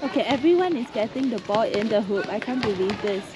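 A woman's voice: on the high side, animated, brisk. A woman travel vlogger chatting casually outdoors, laughing often and asking curious questions, recorded on a handheld camera. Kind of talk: casual chat. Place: outdoors in a town park. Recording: outdoor street noise.

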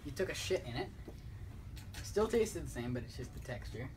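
A man's voice: medium pitch, big pitch swings, normal speed, a little mellow. A young man hosting a casual vlog, chewing while talking, blunt and joking. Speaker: channel host. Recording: distant mic with clear background noise.

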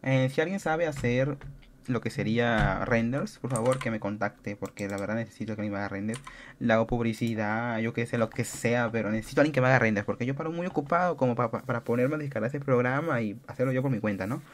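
A man commentates a computer game as he plays, chatty and excitable, firing off repeated words in bursts. His voice sits at an ordinary middle pitch. The recording is noisy, with keyboard clicking heard behind him. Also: fast. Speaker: gaming YouTuber.

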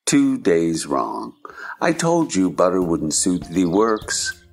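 Slow, creaky Mad Hatter, acted by a man. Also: deep voice, sing-song, soft background music, full character voice. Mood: cranky, odd. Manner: slow, drawling, theatrical delivery. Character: eccentric, gloomy, argumentative Mad Hatter at tea. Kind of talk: stage play dramatization.

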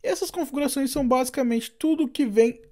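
A man from Brazil narrating a step-by-step screen-recorded software tutorial, explaining settings and giving his own recommendations. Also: very high-pitched, fast. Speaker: tutorial host.

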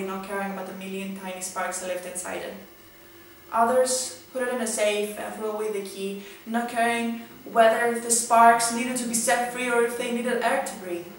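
A woman's voice: fairly high pitch, a bit bright, slight background noise. A young woman in her twenties performing a spoken word poem with a dramatic, rhythmic delivery that swells into emphasis, recorded indoors in a small room on a camera mic. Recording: very echoey room, voice far from the mic.

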